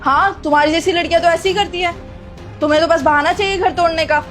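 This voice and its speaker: A woman's voice: extremely high pitch, fairly even intonation, quick pace, soft background music. A woman acting an indignant elder sister-in-law. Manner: complaining, indignant. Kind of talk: amateur family drama acting.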